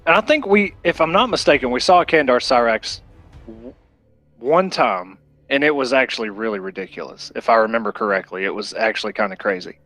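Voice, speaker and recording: A man's voice: medium pitch, expressive, a little fast, fairly bright tone, faint music behind. A man doing live fighting game commentary in a casual, enthusiastic, slangy manner. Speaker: esports commentator.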